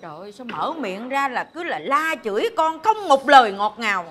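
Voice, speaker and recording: An actress with a Southern Vietnamese accent playing a caring teenage daughter who soothes her father and pleads gently. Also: fairly high pitch, big pitch swings, normal speed, a little hiss or hum. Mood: soothing. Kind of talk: film acting. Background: background music.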